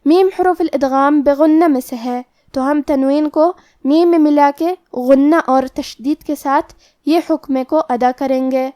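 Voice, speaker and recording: A woman with a high, light voice explains the rules of Quran recitation. She goes through each step slowly and carefully, like a patient teacher. The sound is dry and close, with no room echo. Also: dark tone. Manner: slow, careful step-by-step instruction.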